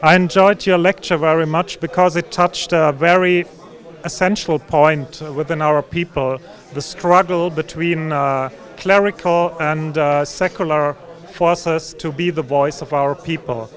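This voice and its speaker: A man's voice: on the high side, steady tone, unhurried. A man interviewing a conference guest, asking polite questions with slight hesitations.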